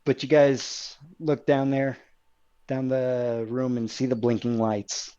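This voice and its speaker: A man's voice: mid-range voice, fairly even intonation, takes it slowly, warm tone, highs cut off. A man narrating as game master of a tabletop game, describing scenes with fillers and self-corrections.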